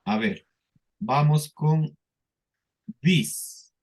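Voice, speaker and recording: Unhurried male teacher on an online class, drills pronunciation patiently. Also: on the high side. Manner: patient, repeats words slowly for students. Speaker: English teacher.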